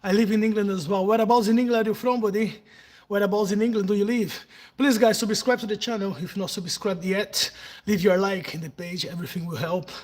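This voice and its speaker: A middle-aged man with a Brazilian Portuguese accent chats through a casual workout live stream. His voice sits high, and he keeps ribbing his viewers with playful swearing. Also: steady tone, fairly quick, darkish tone. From southern Brazil. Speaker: livestream host. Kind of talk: casual live-stream chat while working out.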